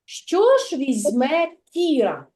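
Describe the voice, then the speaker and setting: A woman's voice: sits high, sing-song, slow, darkish tone. A woman kindergarten teacher leading a literacy lesson for young children, patient, drawing out her praise and prompting questions.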